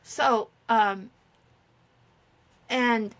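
A woman's voice: on the high side, fairly even intonation, extremely slow, a bit bright. A middle-aged woman co-hosting a podcast, telling meandering, self-deprecating stories in casual chat. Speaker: podcast co-host.

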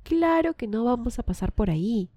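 A woman's voice: fairly high pitch, lively intonation, normal speed, warm tone, no room sound. A woman voicing a cunning, boastful male hero who is very pleased with himself. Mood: scornful. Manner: smug, self-satisfied.

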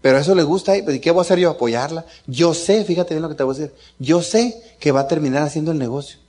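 A man's voice: fairly high pitch, fast talker, a little mellow. A middle-aged man with a Mexican accent telling a casual family anecdote, joking and chuckling as he goes. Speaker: father telling a story.

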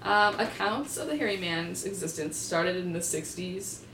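A woman's voice: fairly low pitch, expressive, normal speed, a bit bright. A young woman co-hosting a podcast, telling a local legend in a joking, laid-back way. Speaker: podcast co-host. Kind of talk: casual chat, telling a legend. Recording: echoey, distant mic with hiss.

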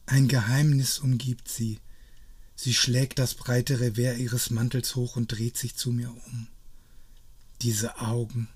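Slow husky guy reading a story, dry and wry. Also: mid-range voice, flat delivery, darkish tone. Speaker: narrator.

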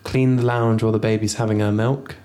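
A man, talking casually and haltingly, full of "like" and restarts. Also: lowish voice, flat delivery, warm tone. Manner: hesitant, lots of fillers like "like". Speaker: podcast co-host. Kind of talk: casual chat.

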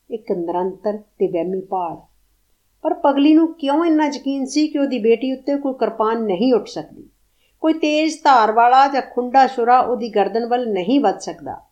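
A woman reading a literary short story aloud in a measured, expressive, somber way. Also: mid-range voice, dull audio. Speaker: story reader.

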